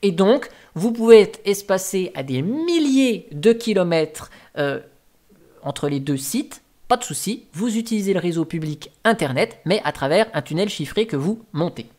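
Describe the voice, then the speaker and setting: A man explaining networking concepts to viewers, pointing through a diagram piece by piece. His delivery is patient and methodical, with relaxed, self-mocking asides. He sounds like a tutorial host talking straight to his regular audience. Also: high voice, moderate pace. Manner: patient, step-by-step teaching with casual asides. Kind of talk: explaining a tech topic over diagrams.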